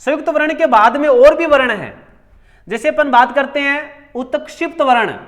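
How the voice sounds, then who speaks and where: A male coaching-class teacher with a very high-pitched voice works through a grammar lesson. He says each term again and again, asks a question, then answers it himself. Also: normal speed, a bit bright. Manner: repeats key words, asks and answers himself.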